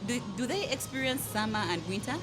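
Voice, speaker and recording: A woman's voice: a little high, fast talker. Woman hosting, music behind her. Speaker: host interviewing a guest. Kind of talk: casual chat interview.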